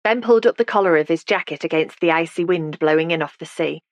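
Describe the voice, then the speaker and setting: A woman narrating an audiobook in a measured, gentle storytelling manner, close to the mic. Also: sits low, no echo. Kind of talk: scripted narration.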